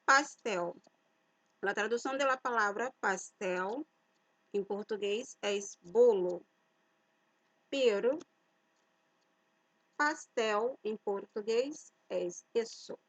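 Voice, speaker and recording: A woman teaching a language lesson to Spanish speakers, explaining each word slowly and deliberately, mixing Spanish words into her Portuguese and stressing the key words loudly. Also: medium pitch, no room sound, low-quality recording.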